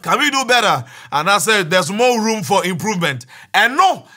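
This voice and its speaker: A man hosting a radio chat show, excitable and laughing often as he mixes languages. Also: high voice, moderate pace.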